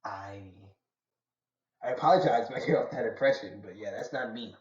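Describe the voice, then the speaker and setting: A young man from Atlanta talks casually and at length on a live stream, slangy and chatty as he answers his chat. His voice sits at an ordinary middle pitch. It is caught in a roomy space with a slightly muffled, dull sound. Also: moderate pace. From Atlanta, USA. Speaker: live streamer reacting to manga.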